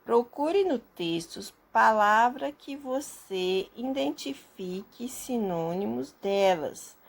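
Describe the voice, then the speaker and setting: A woman teacher slowly explaining a homework assignment to her students step by step, often checking that they understand. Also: on the high side. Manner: slow and patient, explaining step by step with many checks. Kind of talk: recorded remote class lesson.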